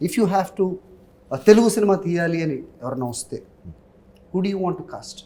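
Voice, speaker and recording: Man, Telugu accent, slightly high pitch, very quick, chatty interviewer, bilingual, tag questions. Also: expressive, warm tone. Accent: Telugu Indian. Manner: chatty, frequent filler phrases and tag questions. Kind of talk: film interview, switching between two languages.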